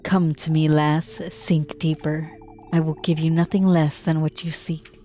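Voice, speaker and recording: A woman voicing a slow, taunting serpent. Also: little pitch movement, mellow, faint music behind. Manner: slow, taunting, lower drawl. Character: sly, slow-speaking serpent spirit. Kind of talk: reading game dialogue aloud.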